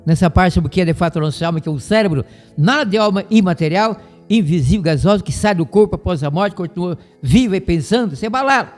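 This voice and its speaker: A high-voiced Brazilian man gives a Bible lesson over the radio, lecturing in a didactic, rambling way and repeating his points. His voice carries a long hall reverb, with faint music underneath. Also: animated, fast talker. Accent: Brazilian Portuguese. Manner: didactic, digressive, repeats himself.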